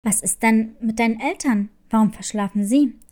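A woman voicing a calm, middle-aged female school nurse who questions a child gently, in a storybook tale. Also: on the high side, normal speed, voice pushed down, close to an everyday voice. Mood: gently probing.

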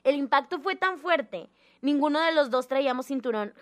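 A young woman with a high voice tells a personal story in casual chat. She talks in an animated, theatrical way and acts out the voices of the people in her story. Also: normal speed. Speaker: guest telling a personal story.

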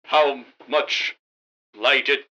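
An actor playing an earnest, bumbling, wisecracking hero in a comic radio drama, melodramatic and mock-heroic. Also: male voice, medium pitch, steady tone, very slow, bright, forceful tone, lo-fi sound. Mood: defiant, cocky. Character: earnest, bumbling, wisecracking male masked crime-fighting hero.

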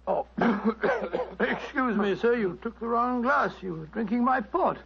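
An actor playing a fussy, cautious but genial English doctor sidekick with a British accent in an old radio drama. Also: male voice, extremely high pitch, expressive, a little slow, gravelly, heavily acted. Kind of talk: 1940s radio drama acting. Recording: noisy, dull old radio recording, clicks.

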